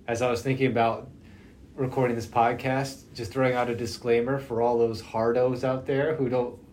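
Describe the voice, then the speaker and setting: A man hosts a casual podcast conversation with a face mask on, leaving his medium-pitched, darkish voice a little muffled. It's a socially distanced setup, and there's noticeable background noise.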